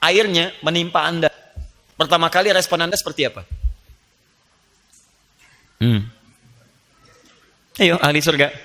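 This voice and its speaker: A man preaching a lively sermon, playful and animated, joking with the audience and acting out little scenes. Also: fairly high pitch, unhurried, pauses often. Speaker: Islamic preacher.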